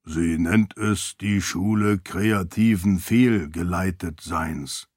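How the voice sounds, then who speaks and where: A man voicing a non-human spirit-servant, speaking slowly in a deep, grave and measured voice. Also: no room sound, clean studio sound. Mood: solemn.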